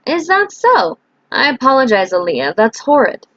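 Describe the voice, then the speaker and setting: A woman voicing a courteous, smooth-talking young man who makes potions and teases a little while dodging questions. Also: high voice, sing-song, moderate pace, a bit bright, no echo, lo-fi sound, pitched above the performer's own voice, exaggerated voice. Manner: courteous and teasing, a little evasive.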